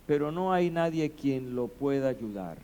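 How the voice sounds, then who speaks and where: A man preaching a sermon as pastor, building to shouted emphasis and rhetorical questions. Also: medium pitch, expressive, measured pace.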